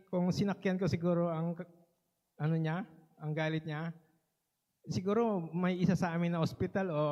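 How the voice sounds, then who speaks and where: High-pitched guy wrapping up a testimony, earnest, dull echoey hall sound. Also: darkish tone. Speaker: church member giving testimony. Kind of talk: personal testimony in church.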